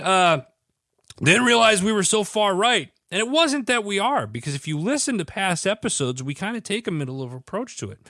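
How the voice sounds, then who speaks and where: With a stuffy head cold, this male host speaks in a fairly high, fairly bright voice during a casual podcast chat. He rambles earnestly and restarts his sentences often, and the recording is very dry, lacking any room sound.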